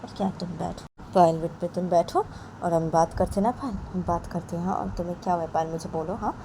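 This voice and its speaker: A woman voicing a gentle partner who coaxes and calms the others in the family. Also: fairly low pitch, fairly quick, creaky, background noise. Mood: coaxing. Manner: coaxing, soothing. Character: soft-spoken gentle partner, placating.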